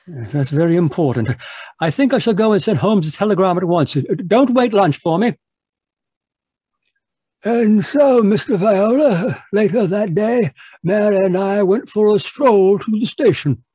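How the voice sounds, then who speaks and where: A man's voice: high voice, expressive, a little slow, mellow, slightly rough, dry recording, exaggerated voice. A man playing a genial, inquisitive doctor who also narrates a radio mystery in a conversational, avuncular way. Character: genial, inquisitive doctor, detective's friend John Watson. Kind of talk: old-time radio mystery acting and narration.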